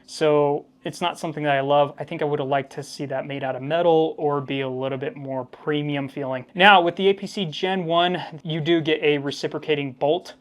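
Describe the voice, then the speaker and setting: Higher-voiced man giving a critical review. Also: steady tone. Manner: critical but measured, listing drawbacks. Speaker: firearm reviewer, host. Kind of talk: casual product review, talking to viewers.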